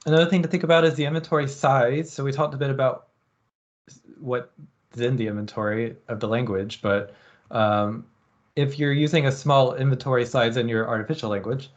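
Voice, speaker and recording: A man lecturing at a university, explaining experiment design in a relaxed way and thinking aloud with frequent ums. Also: medium pitch, brisk, highs cut off.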